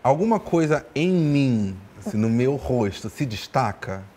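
A man's voice: mid-range voice, very animated, measured pace, dark tone. A man, co-hosting a comedic guessing game with playful, teasing banter.

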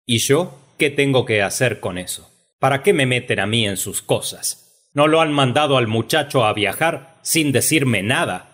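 A man reading as a stern, imperious uncle who rules with a curt tongue, in an audiobook. The voice sits low and slow, with a husky grain. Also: sing-song, exaggerated voice. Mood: irritated. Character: stern middle-aged male dictator uncle.

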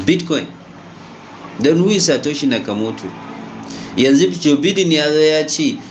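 A man with a Hausa accent talks in a medium-pitched voice on an amateur recording with slight noise behind him. He comments informally and switches between languages. His manner is emphatic, pressing his points with rhetorical questions. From Nigeria. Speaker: online crypto commentator. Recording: noisy amateur recording with background ambience.

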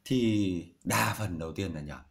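A man's voice: low voice, measured pace, vocal fry, slight background noise. A man teaching a casual language lesson, repeating each syllable after a recording and then explaining it plainly. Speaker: Chinese teacher.

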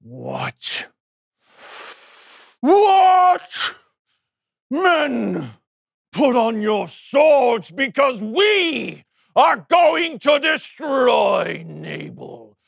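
A man's voice: on the high side, huge pitch swings, extremely slow, gravelly, pauses often, bright, forceful tone, exaggerated voice. A man playing a hot-headed, vengeful warrior leader in a comic children's Bible sketch, with a bombastic, exaggerated delivery. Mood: outraged, vengeful. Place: studio with green-screen backdrop.

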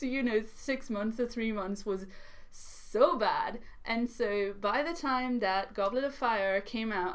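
A young woman from France, a native French speaker, chatting animatedly to camera about books, with frequent ums, in a small living room. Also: medium pitch. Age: young adult. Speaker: book vlogger. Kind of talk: casual chat to camera.

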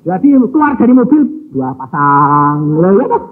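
A high, lively male preacher, telling a family story from the pulpit. His voice swoops up and down as he plays each person in it, and the husky sound comes through a thin, phone-like recording. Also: a little slow. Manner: animated, acts out family dialogue with Javanese phrases. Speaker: evangelist preacher. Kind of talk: sermon with storytelling.

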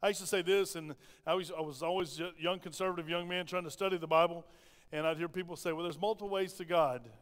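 High-voiced Southern pastor preaching in a reverberant hall. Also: male voice, fairly even intonation, fast talker, a bit bright. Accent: Southern American. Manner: conversational preaching with rhetorical questions. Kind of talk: sermon. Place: church sanctuary. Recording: long reverb of a church hall.

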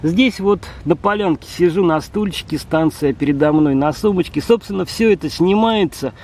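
Speaking at a moderate pace with a somewhat dark tone, a man in his fifties makes a friendly, casual amateur radio contact outdoors. He's a ham radio operator and vlogger standing in a city park, spelling out call signs with phonetic words. The park recording carries a faint rumble.

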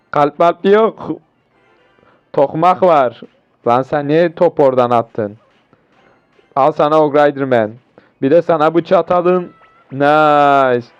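A young man with a hoarse voice commentates a mobile game match live, excitable and cursing at his opponents. His voice sits a little high with a smooth tone underneath the hoarseness. The recording sounds dull and lo-fi. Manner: excitable, swearing, talks to viewers mid-match. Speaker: gaming YouTuber.

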